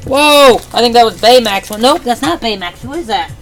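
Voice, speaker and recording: A woman's voice: fairly high pitch, lively intonation, quick pace, soft background music, low-quality recording. A woman hosting a casual toy unboxing, chatty and narrating each find while she has the hiccups. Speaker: channel host.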